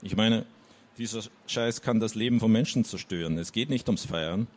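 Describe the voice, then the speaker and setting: A man's voice: on the low side, normal speed, lightly acted. A man reading the lines of a brash young woman who speaks bluntly and gets heated. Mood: lecturing.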